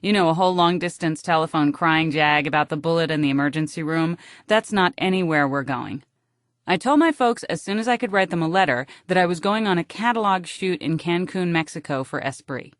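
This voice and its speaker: An American woman narrates a literary first-person audiobook in a wry, deadpan manner, close to the microphone. Her voice is on the low side and there is no echo.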